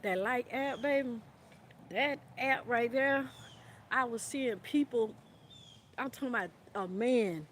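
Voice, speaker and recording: A woman's voice: a little high, slow pace. Rambling woman livestreaming outdoors. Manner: rambling, repeats "you know what I'm saying", calls listeners "baby". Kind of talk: casual rambling livestream talk. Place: outdoors in the wind. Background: light wind.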